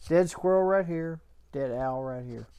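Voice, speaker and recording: A man's voice: a little high, a little slow, mellow, clear, resonant tone. A man co-hosting a podcast with folksy, colloquial phrasing, trading casual banter and telling stories. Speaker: podcast co-host.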